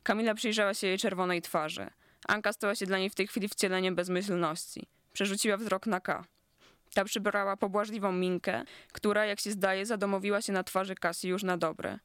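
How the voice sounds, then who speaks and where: A narrator reading literary prose aloud, and the tone stays sardonic and biting. The voice is smooth and resonant at a middle pitch. The recording is close and dry, with no reverb. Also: fairly even intonation, a little fast, fairly bright tone. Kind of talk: scripted narration of a literary story.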